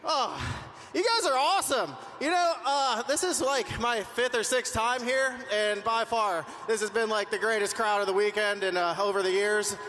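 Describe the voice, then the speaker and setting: A male motocross rider giving a casual, halting, informal interview. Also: high-pitched, bright, forceful tone. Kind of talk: casual post-win interview. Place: large indoor arena. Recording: long echoing arena PA reverb.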